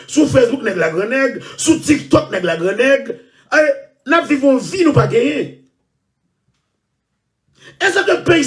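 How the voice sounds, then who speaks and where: A Haitian man with a very high voice rants on his show, his pitch swooping up and down as he repeats himself and shouts. He sounds set back from the microphone. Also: far from the mic. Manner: loud, repetitive, often shouting and laughing. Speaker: show host. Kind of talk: ranting monologue.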